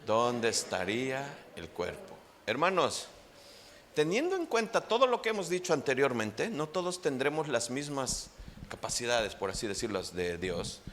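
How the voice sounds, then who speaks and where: A man preaching a Sunday sermon in church, animated and asking the congregation rhetorical questions. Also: mid-range voice.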